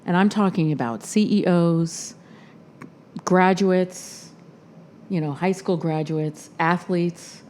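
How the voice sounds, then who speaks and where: A woman's voice: lowish voice, takes it slowly, a little mellow, a little hiss or hum. A woman hosting a casual podcast chat, talking loosely with lots of fillers and laughter. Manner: chatty, laughing, heavy on fillers. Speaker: podcast host.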